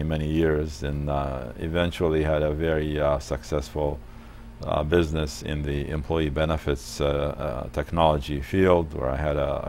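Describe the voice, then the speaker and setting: A man in his sixties from Palestine, a guest in a studio interview, speaking in a measured way with many hesitations on a lapel mic. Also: a bass voice, darkish tone, slight background noise. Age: 60s.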